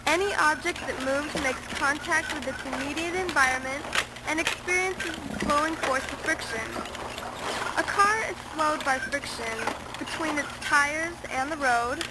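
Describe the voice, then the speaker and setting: A woman's voice: sits high, a little slow. A woman reciting a scripted science explainer in formal wording, recorded as amateur camcorder audio. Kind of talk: scripted narration of a physics explainer. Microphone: camcorder microphone. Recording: amateur camcorder audio with clear background noise. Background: ambient noise.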